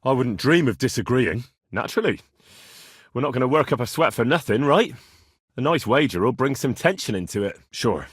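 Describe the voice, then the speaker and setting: This young medieval swordsman from a video game talks in an animated, colloquial way, his pitch swinging widely over a slightly husky edge. Plain-spoken, earnest and at times cheeky, he sounds casual and agreeable, delivering brisk, naturalistic dramatic lines in a close, dry recording with no room sound.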